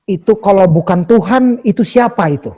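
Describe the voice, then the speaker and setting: Brief: man hosting, husky higher voice, dark and muffled sound, emphatic and animated. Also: moderate pace. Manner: animated, probing questions, emphatic repetition. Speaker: host.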